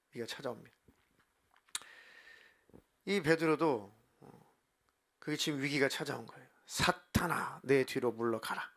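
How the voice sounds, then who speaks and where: A senior pastor, a man, preaching a midweek sermon with lively delivery. He acts out quoted dialogue and breaks into sudden loud outbursts. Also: fairly high pitch. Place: church sanctuary.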